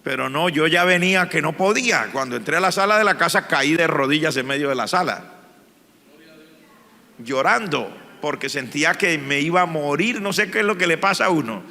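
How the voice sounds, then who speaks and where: A man, a pastor, telling his testimony in a sermon, speaking with strong emotion and sudden loud swells. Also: a little high, expressive, normal speed. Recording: long hall reverb.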